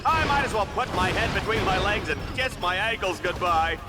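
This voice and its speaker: An actor playing an excitable, melodramatic male sports commentator in a video game, with over-the-top flustered showman patter over loud music. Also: sits high, moderate pace, very noisy, lightly acted. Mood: gleeful hype.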